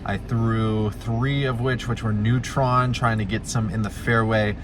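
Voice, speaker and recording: A man's voice: mid-range voice, steady tone, measured pace, background noise. Laid-back young man vlogging outdoors. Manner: laid-back, jokey, laughs at his own bits. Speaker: disc golf pro vlogging a tournament. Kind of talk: casual vlog narration. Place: outdoors on a disc golf course. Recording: background music under the voice.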